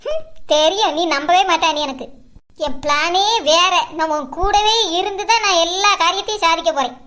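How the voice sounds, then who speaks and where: A woman's voice: animated, a little fast, pushed and bright, exaggerated voice. A woman voicing a sly, greedy middle-aged village woman in a cartoon, with a Kanyakumari Tamil accent and a sugary, put-on sweetness. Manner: squeaky, sugary, fake sweetness. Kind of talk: cartoon voice acting.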